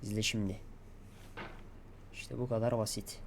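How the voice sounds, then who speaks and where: A man giving gameplay commentary, talking to himself and coaxing himself to stay calm. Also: lowish voice, a little slow, vocal fry, a little hiss or hum. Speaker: gaming YouTuber.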